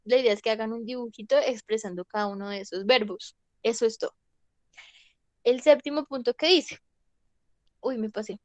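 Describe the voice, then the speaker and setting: In an online class, a woman English teacher explains a lesson patiently at a normal speed, with long pauses, in a slightly high, darkish voice. She repeatedly asks "¿listo?" to make sure students are keeping up, and there's no room sound.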